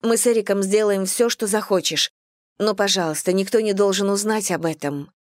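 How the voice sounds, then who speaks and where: A woman's voice: medium pitch, fairly quick, dry recording, studio quality, close to an everyday voice. A woman voicing an anxious noble sister. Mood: pleading. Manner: anxious, pleading and stern by turns. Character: higher-voiced caring noblewoman, the husband's sister.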